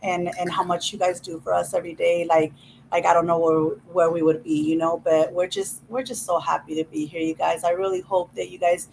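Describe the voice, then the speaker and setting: A woman's voice: on the low side, little pitch movement, brisk, vocal fry, a little mellow, a little hiss or hum, rough recording. Effusive chatty woman vlogger. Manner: rambling and effusive, with frequent restarts. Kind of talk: casual chat.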